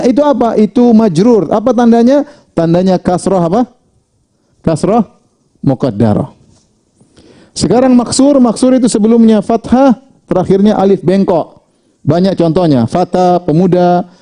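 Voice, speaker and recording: A man teaching an Arabic grammar lesson, drilling with rhetorical questions, reading example phrases out slowly, and rising high for questions before dropping low for the answers. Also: warm tone. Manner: pitch swings widely between questions and answers. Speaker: Islamic studies teacher.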